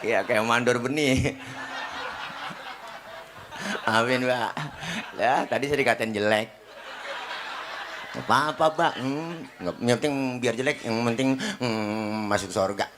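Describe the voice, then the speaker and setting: A man's voice: mid-range voice, takes it slowly, pauses often. A male preacher with a Betawi accent delivering a comic sermon to a live gathering. He jokes, teases the listeners and bounces between slang and Arabic verses, with faint noise and the crowd's laughter behind him. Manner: joking, teasing the audience, lively Betawi slang. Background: audience laughter.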